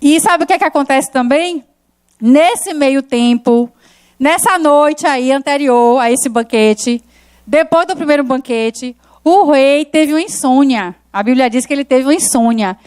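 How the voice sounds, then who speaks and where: A woman preacher retelling a Bible story in a lively sermon, often putting rhetorical questions to the congregation. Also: high-pitched, a little slow.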